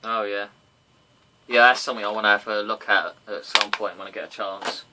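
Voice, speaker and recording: A man's voice: fairly low pitch, steady tone, a little fast. A man hosting a casual wrestling review podcast, chatty and rambling, on a noisy home recording. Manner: chatty, rambling, breaks into silly sung impressions. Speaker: podcast host.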